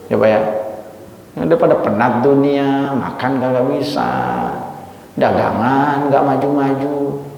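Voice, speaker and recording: A man giving a sermon as a religious teacher, swinging his pitch dramatically and speaking straight to his listeners. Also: darkish tone, muffled recording. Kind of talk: mosque sermon on a Quran chapter. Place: mosque hall. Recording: echoey mosque hall, faint ambience.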